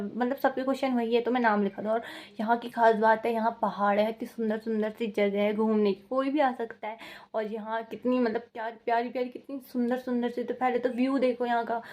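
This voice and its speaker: A young woman from Uttarakhand chatting casually in a vlog, reading out viewer questions and answering them in a rambling, repetitive way. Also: fairly high pitch. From Uttarakhand, India. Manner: chatty and rambling, repeats herself, laughs at the questions. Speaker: vlogger.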